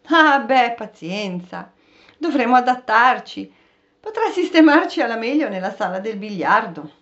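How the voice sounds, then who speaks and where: A woman voicing a fussy, excitable male traveller in an audiobook reading. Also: extremely high pitch, normal speed, dull audio. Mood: cheerful.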